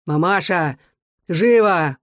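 A reader voicing a drunk young man who shouts his demands in a slurred voice. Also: mid-range voice, a little slow, no echo, studio quality, voice pushed up, lightly acted. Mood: drunk, demanding.

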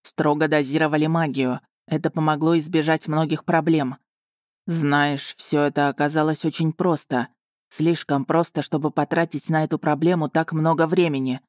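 A woman voicing an overjoyed, overwrought male dragon in an audiobook, speaking a little lower and with earnest warmth. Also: level tone, moderate pace, dry recording, clean studio sound, natural voice. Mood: calm, pleased.

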